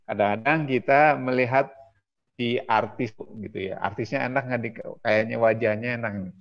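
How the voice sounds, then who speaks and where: A man with a mid-pitched voice gives a casual, chatty talk as a trainer over a video call. His delivery is relaxed, and he pokes fun at himself. The sound is a bit dull and lo-fi. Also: moderate pace. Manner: relaxed, chatty, self-deprecating.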